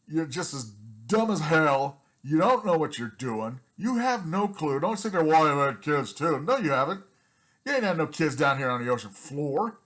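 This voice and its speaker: A man's voice: a little high, fairly bright tone. A man ranting bluntly and repetitively in a vlog, coughing now and then, his throat strained from talking so long. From United States. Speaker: vlogger.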